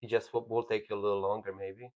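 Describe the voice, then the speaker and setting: A man's voice: fairly low pitch, level tone, fast, darkish tone, muffled recording. A man from Serbia with a Serbian accent, talking plainly and earnestly as a business owner in a casual podcast chat.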